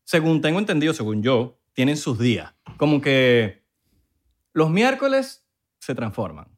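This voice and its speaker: A man's voice: a little high, big pitch swings, a little slow. A young Venezuelan man co-hosting a podcast, chatting casually and teasing his friends. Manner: joking, teasing, trailing off. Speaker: podcast co-host. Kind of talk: casual banter.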